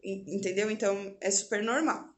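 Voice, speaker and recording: Chatty Brazilian mom vlogging tips. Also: female voice, mid-range voice, fairly even intonation, brisk. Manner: chatty, asks and answers her own questions. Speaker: parenting vlogger. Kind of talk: casual tutorial to camera. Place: home, indoors. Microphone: phone camera.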